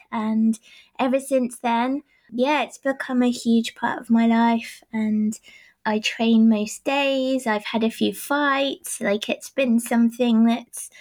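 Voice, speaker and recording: Forties woman, high-pitched, reflective and sincere, interview guest. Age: 40s. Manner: earnest, reflective, laughs lightly. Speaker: boxing club co-founder. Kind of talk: conversational interview answers.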